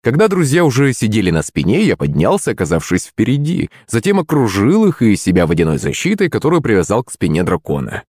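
A man narrating a first-person fantasy audiobook in a wry, expressive storytelling manner. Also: on the low side, a little fast, hardly any pauses, slightly rough, no room sound, studio quality.

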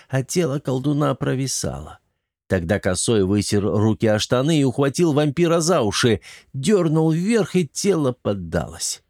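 A man narrating an audiobook in a steady, even storytelling voice. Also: medium pitch, dry recording, clean studio sound. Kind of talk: scripted narration.

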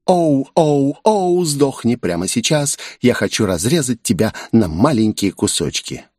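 A man's voice: mid-range voice, very animated, a little slow, a little mellow, no echo, studio quality. A man voicing a young female pop singer who sweetly sings about killing her first love, in an audiobook. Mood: manic. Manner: sing-song, obsessive repetition. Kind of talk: audiobook character voice.

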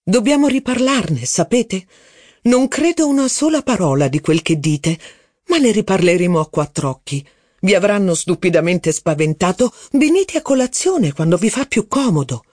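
Airy duchess, done by a male reader, lilting, raised high voice, dry close sound. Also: sing-song, moderate pace, a little mellow, no room sound. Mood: breezy. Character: elegant aristocratic duchess, woman, gracious and airy.

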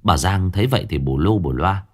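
A man's voice: deep voice, animated, fairly quick. A man narrating a scripted ghost story in a dramatic, storytelling manner.

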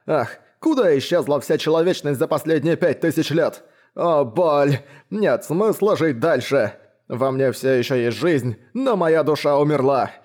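A man's voice: on the high side, darkish tone, voice pushed up. A man doing a whining, wailing aristocrat baron. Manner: wailing, self-pitying cries of pain. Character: whining plump male aristocrat baron, cowardly and spiteful. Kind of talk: audiobook reading.

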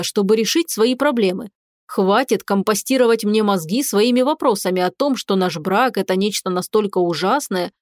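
A woman's voice: mid-range voice, a little mellow, dry recording, studio quality, close to an everyday voice. A woman voicing a stern male dragon in human form, who speaks coldly and with tired irritation in an audiobook. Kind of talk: audiobook character reading.

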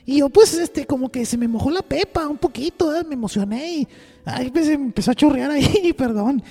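With a high, mellow voice, lively intonation, and a slightly fast pace, this on-air storyteller delivers a profane, crude comic tale. She speaks with a Mexican accent, rambles, and uses plenty of slang. Faint music plays in a reverberant studio.

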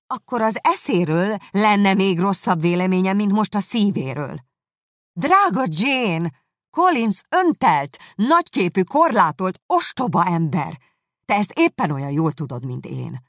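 A woman reading a novel aloud, voicing a spirited, sharp-tongued young woman who talks emphatically. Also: mid-range voice, lively intonation, no echo, clean studio sound, pitched above the performer's own voice, close to an everyday voice. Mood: indignant. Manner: indignant, emphatic.

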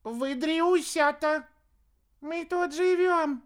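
A man voicing a gang of tiny, excited otter-like creature children who chatter in squeaks. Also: drawn-out words, heavily acted. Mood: eager.

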